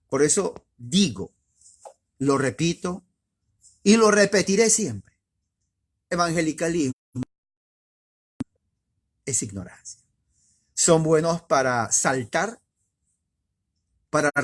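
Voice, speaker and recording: A man preaching in a conversational way, emphatic and full of rhetorical questions, with sudden rises in pitch and loudness. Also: husky. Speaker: preacher teaching doctrine. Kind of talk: conversational sermon.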